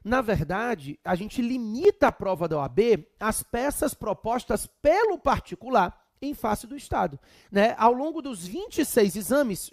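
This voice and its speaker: A man's voice: sits high, no room sound, studio quality. A man with a Brazilian accent giving a chatty law exam prep lecture with humorous asides. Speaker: law teacher.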